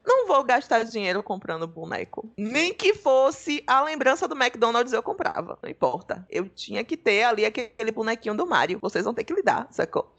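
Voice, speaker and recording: A woman's voice: on the high side, creaky, fairly bright tone. A woman, chatting casually and jokingly as a podcast guest, swearing freely. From Salvador, Brazil. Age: 30s.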